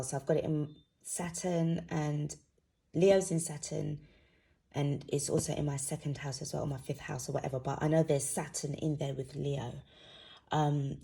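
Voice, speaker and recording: A drowsy-sounding woman giving an informal spiritual card reading to viewers, talking in a halting, rambling way. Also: low-pitched, warm tone, slightly rough. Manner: sleepy, drowsy. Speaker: host, intuitive card reader.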